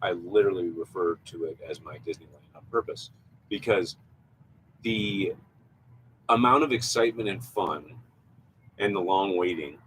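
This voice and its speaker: A man, a photographer, co-hosting a casual chat and telling stories with lively laughter. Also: sits low, normal speed, long pauses, slight background noise, poor audio. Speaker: co-host, photographer.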